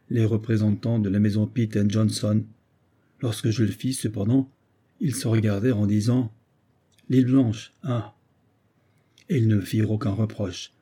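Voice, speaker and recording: A man's voice: on the low side, warm tone, slightly rough. A man voicing a weathered male sea captain who grimly recounts an eerie tale from his voyages. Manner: grave, storytelling. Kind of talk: scripted narration of a classic story.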